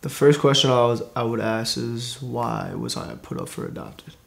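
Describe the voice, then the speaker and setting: A man's voice: medium pitch, moderate pace, gravelly, a bit bright. Hesitant teenage boy in interview. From born in Korea, raised in New York. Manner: hesitant, plain-spoken. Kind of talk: interview answers. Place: studio against grey backdrop.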